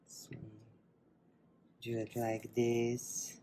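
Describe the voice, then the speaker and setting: A woman from Bulgaria with a Bulgarian accent, a wellness teacher leading a guided breathing meditation and then a cooking demo, speaking softly and often trailing into whispers. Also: rumbling low, monotone, a little hiss or hum. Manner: slow, soft-spoken, drifting into whispers.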